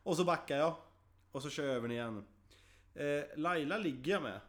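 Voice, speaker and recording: A man's voice: on the high side, lively intonation, fairly bright tone. A young man in casual podcast chat, teasing his co-host with crude jokes.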